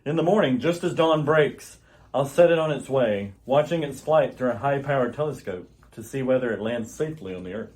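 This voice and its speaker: Playing an alien scientist, husband and father who is earnest and urgent, a man gives a grave, theatrical performance in retro radio theater. His medium-pitched voice has lively intonation and a fairly quick pace, a little mellow and close to an everyday voice, with a tender, earnest mood.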